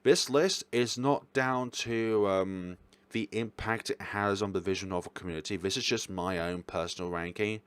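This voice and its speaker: With a lowish, clean-toned voice at a moderate pace, a video host reviewing games offers casual tier-list commentary. He's informal and rambling, fixing his own statements as he goes.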